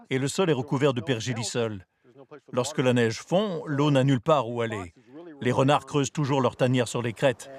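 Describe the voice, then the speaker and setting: A man speaking as a wildlife researcher, giving measured, articulate explanations for a documentary. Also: mid-range voice.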